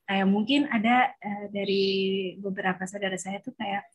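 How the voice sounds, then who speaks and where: A woman's voice: medium pitch, steady tone, normal speed, slightly rough, poor audio. A woman student speaking hesitantly in class, with many fillers as she asks a question.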